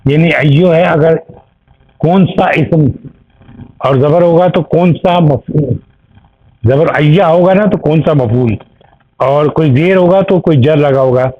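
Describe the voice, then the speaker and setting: Man teaching grammar on a tinny line. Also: fairly high pitch. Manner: explains slowly, repeating terms and checking with 'theek hai'. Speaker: Arabic teacher. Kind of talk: grammar lesson. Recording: tinny phone-like audio.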